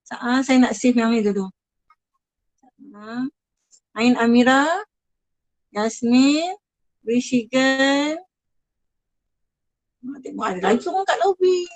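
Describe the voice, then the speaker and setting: A woman's voice: on the high side, takes it slowly, long pauses, no echo, rough recording. A woman teacher with a Malaysian Malay accent, running an online class, chatty and apologetic, praising her students one by one.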